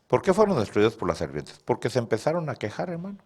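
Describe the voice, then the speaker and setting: This pastor talks fast, his slightly rough, swinging voice breaking into sudden shouts and then falling low. Preaching a sermon, he engages his congregation directly and with animation, laughing at his own tales.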